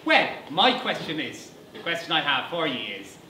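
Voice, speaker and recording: A man's voice: fairly high pitch, big pitch swings, moderate pace, bright, forceful tone, heavily acted. A man playing a shifty, cheerful, bumbling Irish labourer as a dating show contestant in a stage comedy sketch. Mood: eager. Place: small indoor stage. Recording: distant echoey noisy stage recording.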